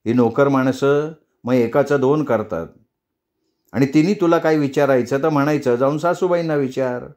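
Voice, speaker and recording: A man voicing an older mother-in-law who talks slowly, bossily and scolds in a storybook reading. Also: mid-range voice, a little mellow, natural voice. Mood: bossy. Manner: bossy, slow and scolding.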